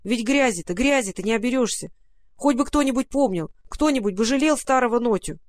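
A storyteller voicing an old, grumbling, soft-hearted male raccoon who sighs and mutters fussily. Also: mid-range voice, expressive, a little fast, voice pushed up, lightly acted. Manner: sighing, fussy muttering. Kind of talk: storybook reading.

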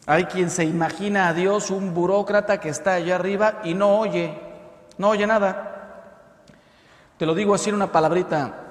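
A Mexican man in his fifties, a priest preaching with a lively delivery and acted-out voices in his jokes. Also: high voice. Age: 50s. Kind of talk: preaching talk. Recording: echoey hall.

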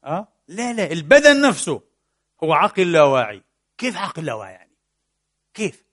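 Fast, animated preacher. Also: male voice, on the high side. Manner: animated, asks rhetorical questions and answers them himself; mixes colloquial Levantine Arabic with formal Arabic and English technical terms. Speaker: preacher and lecturer. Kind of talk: lively religious lecture.

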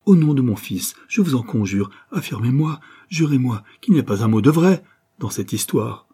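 A man's voice: medium pitch, normal speed, dark tone, husky, close to an everyday voice. A man voicing a distraught young woman, a grieving banker's daughter, in a pleading, emphatic audiobook reading.

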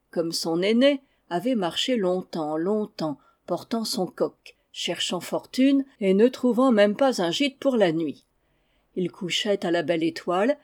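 A woman reading a folk tale aloud in a measured, expressive storytelling manner. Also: mid-range voice.

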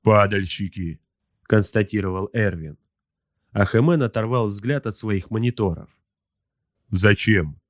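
A man narrating an audiobook in an even, steady reading. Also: fairly low pitch, normal speed, no room sound, studio quality. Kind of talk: scripted narration.

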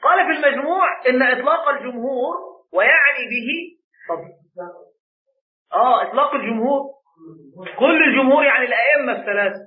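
A man's voice: extremely high pitch, fast talker, pauses often. A man with an Egyptian accent teaching a religious law class as a sheikh, quizzing his students and repeating key words back to them. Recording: tinny phone-like sound in an echoey room.

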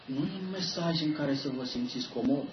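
A man preaching a sermon, telling stories about himself with animated, self-mocking humor. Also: fairly high pitch, a little hiss or hum. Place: church meeting room. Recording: echoey church hall, dull lo-fi sound.

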